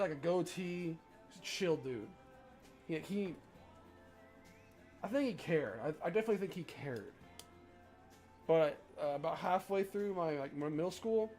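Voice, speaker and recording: A man's voice: on the high side, darkish tone. A young man streaming while he draws, rambling casually and swearing, often mocking himself. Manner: rambling, profane, self-deprecating.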